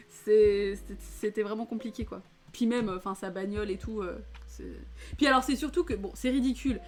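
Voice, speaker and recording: A woman from France giving a casual, chatty film debrief, laughing often and filling pauses with hesitations. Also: mid-range voice, darkish tone. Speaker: film reviewer. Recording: faint music behind.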